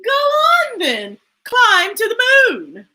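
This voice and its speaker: A woman's voice: very high voice, wildly swooping pitch, slow pace, sharp tone, pitched above the performer's own voice, full character voice. A woman voicing a doubting animal who scolds a boastful mouse in a storybook read-aloud. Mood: skeptical. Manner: scolding, skeptical.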